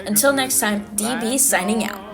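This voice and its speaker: A woman's voice: on the high side, normal speed, over loud music, natural voice. A woman playing a peppy, evasive female tour promoter hosting a salesy radio promotion. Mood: salesy, flustered. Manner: salesy, covering up awkwardness.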